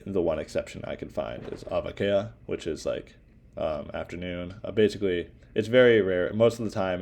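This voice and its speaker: A man's voice: sits low, gravelly, warm tone. A young man giving a casual class presentation, talking informally with many fillers and restarts. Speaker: student presenter.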